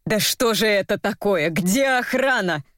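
A woman's voice: mid-range voice, expressive, normal speed, no room sound, studio quality, lightly acted. A woman voicing a stern, flustered older male actor in an audiobook. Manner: stern, then confused.

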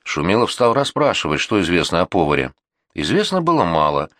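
A man narrating a historical novel as an audiobook with expressive, varied intonation. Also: sits low, fairly quick, no echo, clean studio sound. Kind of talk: scripted narration.

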